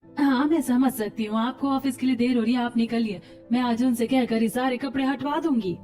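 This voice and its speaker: Polite young cartoon wife, placating, voiced by a woman, high voice, a bit distant. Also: fairly even intonation, fairly quick, mellow, soft background music, lightly acted.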